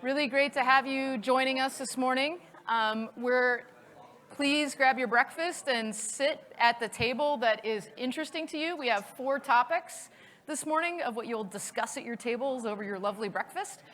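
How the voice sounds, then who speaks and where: A woman's voice: sits high, moderate pace, fairly bright tone. A woman hosting a conference breakfast, upbeat and friendly, with fillers and restarts. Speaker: event host and facilitator. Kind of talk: welcoming talk to a breakfast audience. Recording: long hall reverb.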